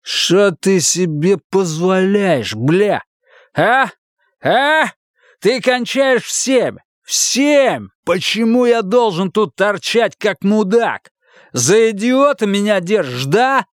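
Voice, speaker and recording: A man's voice: a little high, animated, takes it slowly, hardly any pauses, clean tone, dry recording, studio quality, voice pushed up. Man doing a brutal bullying husband. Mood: menacing. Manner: snarling, yelling threats.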